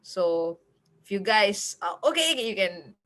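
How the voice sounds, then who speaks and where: Bright-voiced woman hosting an online workshop. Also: mid-range voice, sing-song, moderate pace, dry recording. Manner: chatty, laughs often. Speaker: workshop facilitator. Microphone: video call.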